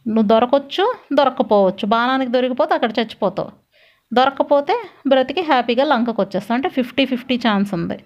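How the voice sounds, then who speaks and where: Domineering demon king, read by a woman storyteller, threatening, scolding, fairly high voice, dull lo-fi sound. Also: fast, close to an everyday voice. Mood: commanding. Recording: dull lo-fi recording.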